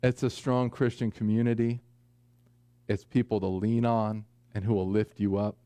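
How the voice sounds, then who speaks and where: A man in his forties preaching a sermon from a small church pulpit, earnest with folksy asides and slow, deliberate emphasis. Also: fairly low pitch, flat delivery, mellow, no echo. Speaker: pastor. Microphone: pulpit microphone, far camera.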